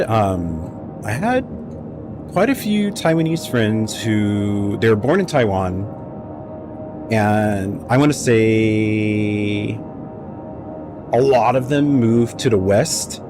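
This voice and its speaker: Over music, a young man with a lowish voice stretches out his words as he games live and rambles through animated stories for his viewers. He's American, English is his first language, and he's using a headset mic at home.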